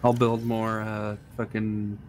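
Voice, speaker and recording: A man chatting casually while playing a co-op game, easygoing and quick to laugh. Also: lowish voice, completely flat delivery. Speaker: co-op player. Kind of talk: casual gaming chat.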